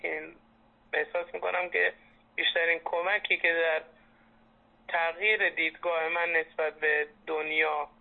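A man in his twenties talks on a landline phone, his voice slightly high and quite even in melody. He sounds earnest and reflective, as in a serious personal conversation, through a narrow, muffled line. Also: gravelly, long pauses. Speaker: interviewee, former patient. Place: telephone call.

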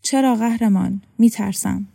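A woman's voice: medium pitch, gravelly, dark tone, slightly rough, dry recording, studio quality. A woman voicing a timid, trembling old manservant who answers in a stammer. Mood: fearful. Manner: stammering, fearful.

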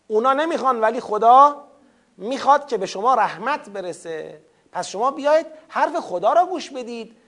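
A man's voice: extremely high pitch, fairly bright tone. A man giving a religious lecture on scripture, reciting Arabic verses and then explaining them with rhetorical questions. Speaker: Quran commentary teacher.

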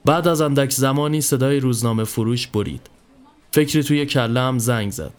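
A man hosting a podcast, reading a literary short story aloud in steady narration. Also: medium pitch. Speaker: podcast host.

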